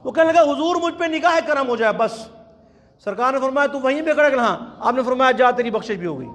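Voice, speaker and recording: A man preaching a sermon at a religious conference in a mosque, telling stories with passion and chanting quotations slowly. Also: very high voice, expressive, fairly bright tone. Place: large mosque. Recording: long hall reverb.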